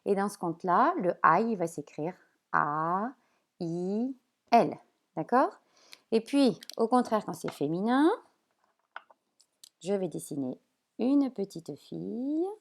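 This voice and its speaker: A woman teacher explaining spelling sounds at a whiteboard, slow and patient, checking often that her pupils follow. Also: mid-range voice, lively intonation, creaky. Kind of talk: remote classroom lesson at a whiteboard.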